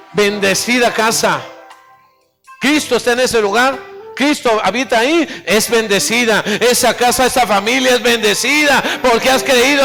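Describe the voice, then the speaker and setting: A man preaching a sermon as pastor, exhorting fervently and dropping now and then into quiet asides. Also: very high voice, creaky. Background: instrumental music.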